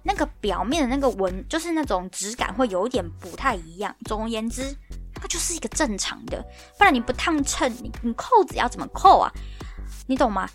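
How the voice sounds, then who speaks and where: A woman's voice: fairly high pitch, sing-song, brisk, soft background music. A woman podcast host telling a workplace story in a casual, exasperated, ranting monologue.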